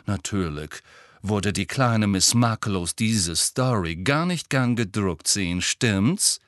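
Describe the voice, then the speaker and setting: A man's voice: lowish voice, animated, slow, a bit bright, dry recording, studio quality. A man voicing a pushy, scheming middle-aged woman reporter, gushing and prying in a storybook reading. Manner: gushing, prying, dramatic emphasis.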